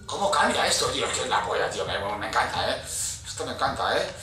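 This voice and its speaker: Jumpy and profane, this male gaming YouTuber from Spain chatters nervously through a horror game and lets out sudden yelps at the scares. His mid-range voice talks fast with big pitch swings and a bright, forceful tone. The rough recording comes from a distant mic in a roomy space, with a little hiss or hum.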